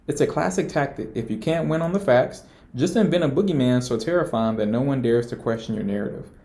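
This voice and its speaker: A man narrating scripted political commentary with a mellow, darker tone at an ordinary pitch. His delivery is indignant and emphatic, with a mocking edge. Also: brisk.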